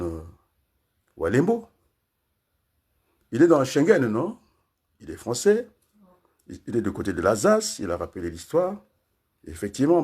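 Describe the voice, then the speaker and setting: An older Congolese man, a political commentator, rambles through a political talk, peppering it with fillers and frequent tag questions aimed at the room. His voice sits fairly low and sounds a little mellow and husky.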